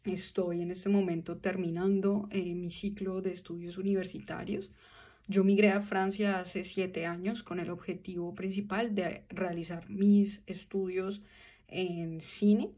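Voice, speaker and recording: Soft-spoken Colombian woman, low even voice. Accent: Colombian Spanish. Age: 20s. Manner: earnest, thoughtful, pauses with fillers and restarts. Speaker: film student pitching her short film. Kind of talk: direct-to-camera appeal. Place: small room indoors. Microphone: phone camera at arm's length.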